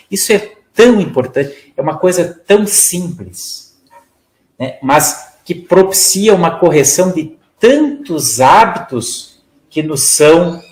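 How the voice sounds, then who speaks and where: A man's voice: on the high side, reverberant, rough recording. Didactic man giving a spiritist talk. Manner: didactic, acts out example phrases, many "né?" tags. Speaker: spiritist lecturer.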